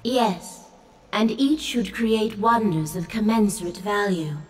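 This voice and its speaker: A woman's voice: medium pitch, slow, far from the mic, close to an everyday voice. A woman playing a solemn, commanding goddess of birds and song in a video game, speaking formally and mournfully. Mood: measured, insistent. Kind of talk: scripted game dialogue.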